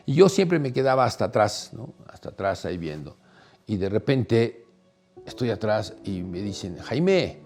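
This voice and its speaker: A middle-aged man, hosting and telling a personal story in a casual, animated way. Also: mid-range voice. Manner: animated, acts out quoted voices, laughs while telling. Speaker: host, storyteller.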